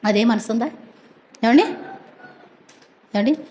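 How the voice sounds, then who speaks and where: A woman's voice: on the high side, slow pace, dark tone, echoey room. A woman preaching a sermon in a chatty, colloquial way, keeps asking her congregation questions.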